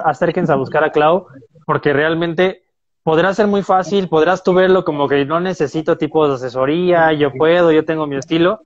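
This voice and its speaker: A man's voice: fairly high pitch, highs cut off. Friendly male interview host. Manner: friendly, wraps up and thanks the guest. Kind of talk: casual interview hosting.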